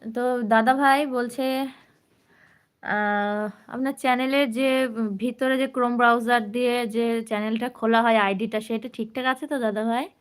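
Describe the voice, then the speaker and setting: A woman's voice: a little high, steady tone, normal speed, smooth. A young woman from West Bengal with a sore throat, chatting casually on a live stream and greeting viewers by name. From West Bengal, India.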